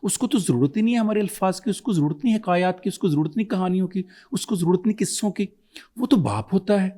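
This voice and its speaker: A man's voice: high voice, animated, warm tone. Male guest, Pakistani Urdu accent, fervent orator who builds long runs of rhetorical questions. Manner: rhetorical questions, impassioned and preaching. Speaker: guest speaker. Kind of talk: emotional oratory on fathers.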